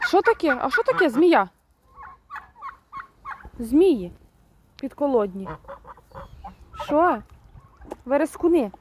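A woman's voice: fairly high pitch, noisy background. A young woman from Ukraine, filming a casual vlog as she walks around her yard outdoors, chatting to viewers and shooing her birds in a raised voice. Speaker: homestead vlogger. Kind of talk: casual vlog narration while walking the yard. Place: outdoors in a rural yard and garden. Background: geese and turkeys calling.

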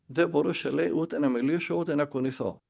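Older monk guy, gravelly voice, telling a story and doing all the dialogue. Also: a little high. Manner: lively storyteller acting out the dialogue. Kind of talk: spoken spiritual storytelling.

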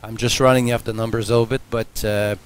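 A man's voice: on the low side, flat delivery, quick pace, smooth. A man hosting a welding channel, casually demonstrating and explaining in his home garage workshop, thinking aloud with many fillers and restarts. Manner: matter-of-fact, thinking aloud.

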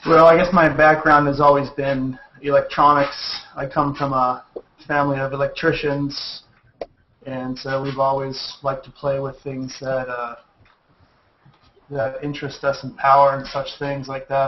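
A male presenter describing his background in a relaxed, plain-spoken way. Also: mid-range voice, measured pace. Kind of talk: casual interview answer. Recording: dull lo-fi sound with faint noise.

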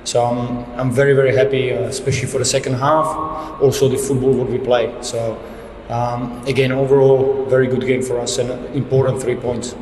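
A football head coach in his thirties answers reporters at a post-match press conference through a table microphone. His mid-range, darkish voice is a little fast with little pitch movement, his speech fairly plain and full of restarts, in an echoey room with slight background noise.

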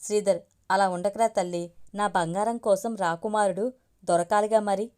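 A woman voicing a gentle, affectionate middle-aged farmer father in a narrated story. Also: mid-range voice, fairly even intonation, normal speed, clean tone, lightly acted.

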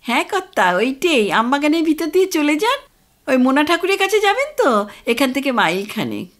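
A woman's voice: high-pitched, sing-song, moderate pace, pitched above the performer's own voice. A woman doing a polite village man. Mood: helpful.

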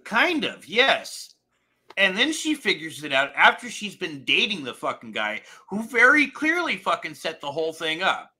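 A man co-hosting a casual film review chat, animated and profane, laughing often. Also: high voice, moderate pace, slightly rough. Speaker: podcast co-host.

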